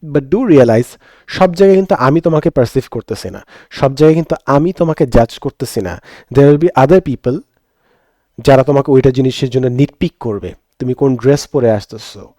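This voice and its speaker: An earnest young man from Bangladesh, a teacher, talks through his thoughts in a reflective monologue. He moves freely between Bengali and English within sentences. His voice is mellow and relaxed, and it is recorded dry and close, with no room echo. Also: mid-range voice, moderate pace.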